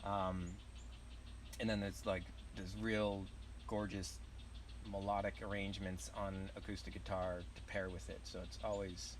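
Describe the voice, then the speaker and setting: A man's voice: sits low, level tone, a little slow, far from the mic, a little hiss or hum, low-quality recording. A young man with a Southern US accent, chatting loosely while streaming live, rambling and swearing casually. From southern United States. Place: outdoors at a campground.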